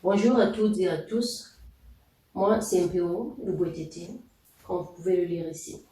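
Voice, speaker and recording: A man teaching a language lesson, explaining slowly and deliberately with pauses and fillers. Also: high-pitched, mellow, recorded from a distance. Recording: echoey room, voice off-mic.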